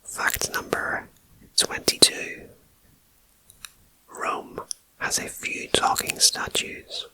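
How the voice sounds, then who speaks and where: An ASMR host reads numbered facts in a fully unvoiced whisper, slow and unhurried, drifting into relaxed, chatty asides while staying hushed and intimate throughout. The sound moves between ears on a binaural ear-to-ear microphone, though the audio is poor.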